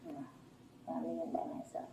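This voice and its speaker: A woman suspect answering police questions in short, halting replies with non-native phrasing. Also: dark tone. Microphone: picked up by police bodycam. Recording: echoey, distant body camera audio with noise.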